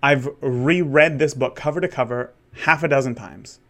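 This wedding photographer and podcast host, a man of thirty, has a medium-pitched, slightly bright voice at a moderate pace. He speaks candidly, rambling through a solo monologue and restarting often.

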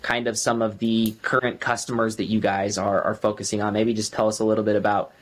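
Male interview host, low voice. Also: flat delivery, brisk. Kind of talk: casual interview.

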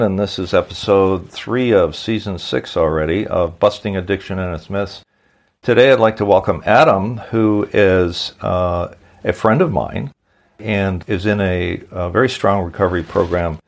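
A podcast host with a deep, creaky voice reads a sponsor message, then interviews a guest at an unhurried pace, dropping in some hesitant fillers.

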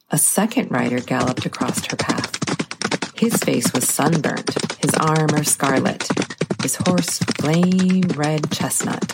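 A woman reads a folk tale aloud in a measured, dramatic storybook style. Her voice is low and gravelly, and she takes her time. Music plays softly beneath her. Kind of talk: storybook narration.

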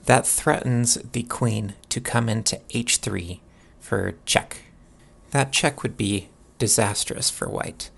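A man giving instructional chess commentary in a measured way, posing questions to the listener as he analyses a game. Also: fairly low pitch, vocal fry, a bit bright.

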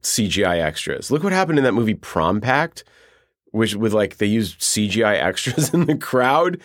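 A man's voice: lowish voice, sing-song, no room sound. Guy director on an interview, swears a lot, blunt, dry close sound. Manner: blunt, profane, fast-flowing storytelling. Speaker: film director guest. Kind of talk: casual interview talk.

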